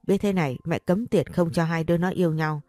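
A woman's voice: fairly low pitch, brisk, darkish tone, no room sound, soft background music, close to an everyday voice. A woman voicing an anxious, fretful older mother in a read-aloud story.

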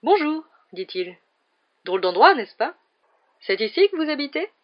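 A woman's voice: high-pitched, sing-song, moderate pace, muffled recording, voice pushed up. A woman voicing a dazed, cheerful man who has lost his memory and speaks vaguely.

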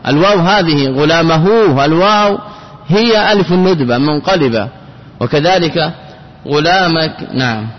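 A man's voice: a little high, normal speed. A man with a slightly raised voice teaches a grammar lesson. He poses rhetorical questions and restates key phrases again and again. The sound is dull and lo-fi, with a long hall echo. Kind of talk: classroom lecture on Arabic grammar.

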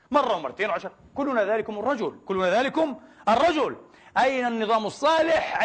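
A man's voice: high-pitched, a bit bright, slightly rough. A man preaching a sermon with passion and emphasis, firing off rhetorical questions. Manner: impassioned, emphatic, asks many rhetorical questions.

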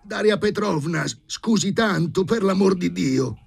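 A man's voice: high-pitched, lively intonation, measured pace, creaky, breathy edge, pitched above the performer's own voice, heavily acted. A man voicing a flustered, fussy elderly professor who exclaims in alarm.

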